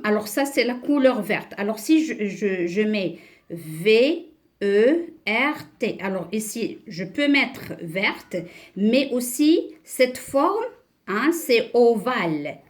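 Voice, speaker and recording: A woman teaching a beginner French class, speaking slowly and patiently, spelling out letters and syllables and checking understanding with questions. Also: fairly high pitch. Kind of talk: beginner French lesson at a board.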